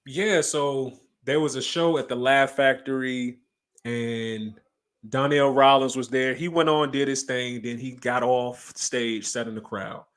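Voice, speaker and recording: A man co-hosting a podcast, talking in casual chat with emphatic, animated bursts. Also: medium pitch, measured pace, clear, resonant tone. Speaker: podcast co-host.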